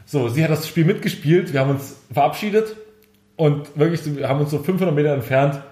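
A man's voice: on the high side, fast talker, warm tone, reverberant. A man hosting a podcast, telling a long story in casual chat and rambling through restarts. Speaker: podcast host.

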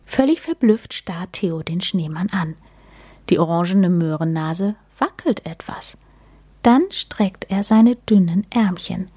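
A woman reading a children's story aloud in a gentle, expressive storytelling manner. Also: fairly low pitch, slow pace, breathy edge. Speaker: narrator.

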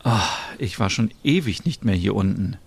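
A man voicing a sweet, soft-hearted young woman who gushes easily. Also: fairly low pitch, expressive, normal speed, creaky, breathy edge, full character voice. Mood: curious. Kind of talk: voicing characters in a narrated story.

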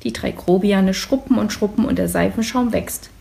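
A woman addressing her listeners and reading a children's story aloud in a calm, lively way. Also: mid-range voice, normal speed, gravelly.

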